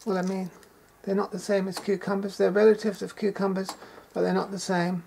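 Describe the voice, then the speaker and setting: Gravelly-voiced woman in a casual cooking vlog. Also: mid-range voice, level tone, brisk, warm tone, a little hiss or hum. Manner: chatty and enthusiastic, savoring each taste aloud. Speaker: home gardener and cook. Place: shearing shed kitchen.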